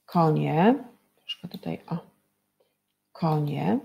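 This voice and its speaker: A woman's voice: sits low, animated, takes it slowly, gravelly, lo-fi sound. A woman teacher giving a reading and spelling lesson to young children, patient and drawing out each syllable. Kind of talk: early-school reading lesson.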